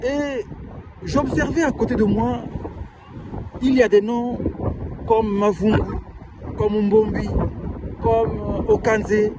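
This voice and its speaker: A man's voice: sits high, steady tone, slow pace, pauses often, background noise. A man from Brazzaville with a Congolese French accent, an author giving a passionate personal testimony full of rhetorical questions. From Republic of the Congo (Brazzaville).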